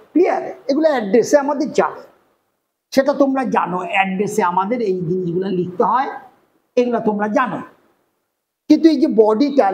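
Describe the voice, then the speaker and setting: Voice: medium pitch, a little mellow, muffled recording, slight background noise. A teacher explaining a grammar lesson to students step by step, often checking that they follow. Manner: drills step by step, often asks "clear?".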